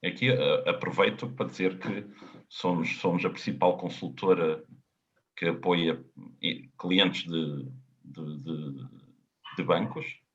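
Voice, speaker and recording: A man with a European Portuguese accent, a consultant answering webinar questions in a halting, explanatory way, often repeating words. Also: low voice. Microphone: video call. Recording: dull lo-fi webinar audio.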